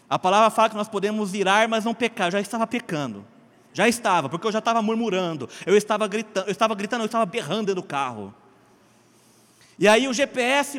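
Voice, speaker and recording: Um homem brasileiro contando um testemunho em tom de pregação, animado, alternando gritos e murmúrios e chamando os ouvintes de gente e queridos. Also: male voice, sits high, fairly bright tone, in a large hall. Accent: Brazilian Portuguese. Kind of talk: sermon-style personal testimony.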